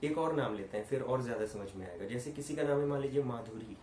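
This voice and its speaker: A man's voice: mid-range voice, fast talker. Man teaching an acting workshop. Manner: demonstrates stressed vowels and projects repeated lines loudly. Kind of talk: online acting workshop lesson. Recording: roomy recording with faint ambient noise.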